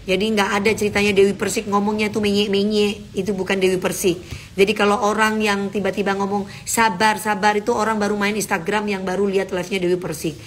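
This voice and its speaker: A woman's voice: medium pitch, little pitch movement, fast. A woman hosting an Instagram live, chatting casually with her viewers and speaking firmly and emphatically. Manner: firm, emphatic, talks straight to commenters.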